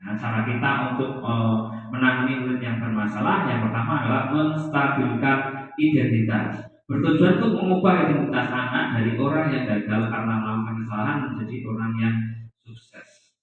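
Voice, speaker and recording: A man's voice: medium pitch, fairly even intonation, normal speed, faint music behind. A man, a teacher giving a hesitant, explanatory presentation full of fillers. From Central Java, Indonesia. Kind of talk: presentation on classroom discipline. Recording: echoey hall, far from mic, dull.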